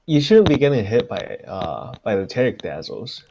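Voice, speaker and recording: Male esports co-caster, animated pitch, faint typing in the background. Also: normal speed, vocal fry, a little hiss or hum. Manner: lively, with frequent "um" and "uh". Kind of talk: live esports commentary.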